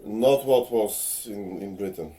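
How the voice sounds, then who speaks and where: A man's voice: fairly low pitch, slow pace, warm tone. Tipsy man ranting earnestly. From Bulgaria. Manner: earnest and lecturing, with hesitant "uh" fillers. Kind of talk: casual on-camera rant. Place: home, in front of a ring light.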